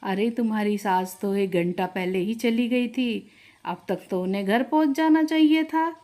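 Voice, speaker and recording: A woman's voice: medium pitch, unhurried, mellow, close to an everyday voice. A woman voicing a middle-aged woman tailor in a storybook tale, speaking plainly and matter-of-factly. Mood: surprised.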